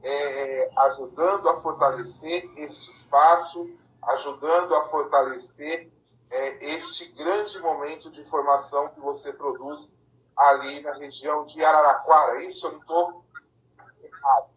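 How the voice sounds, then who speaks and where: A man from Paraná hosts a casual live-stream chat, his slightly high voice sitting back from the mic in an echoey room. He talks conversationally and keeps checking in with the listener through tag questions. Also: steady tone, a little slow, a bit bright, distant mic, a little hiss or hum. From Paraná, Brazil. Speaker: live-stream host and councilors' association president.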